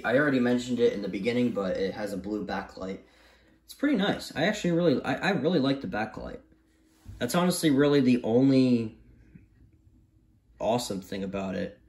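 Holding his phone camera in a small home room with echo, a young American man casually shows off his things without a script. His lowish, slightly mellow voice wanders hesitantly and repeats itself, typical of a hobbyist video maker.

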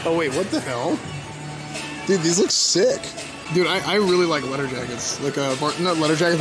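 A young man with a rather high voice rambles and jokes as he walks through a mall, tripping over his own words. He's picked up by a camera rig on his shoulder, with music laid over the footage. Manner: rambling, joking, many restarts. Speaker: streamer. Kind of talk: casual walking vlog. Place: large indoor shopping mall.

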